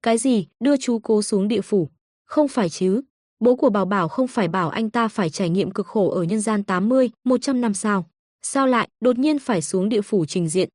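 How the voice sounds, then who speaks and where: A woman's voice: mid-range voice, brisk, a little mellow, no room sound, studio quality, close to an everyday voice. Worried kind hospital director guy read by a woman, plain questioning tone.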